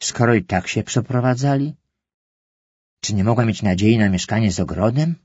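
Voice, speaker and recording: A man calmly narrating a children's story as an audiobook reader. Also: on the low side, normal speed, slightly rough, no echo. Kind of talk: scripted narration. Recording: dull lo-fi, dry.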